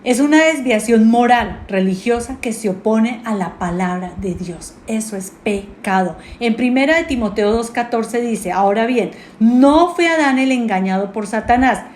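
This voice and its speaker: A woman preaching a sermon, often pausing to ask her congregation rhetorical questions. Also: on the high side, animated, darkish tone. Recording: echoey room with faint noise.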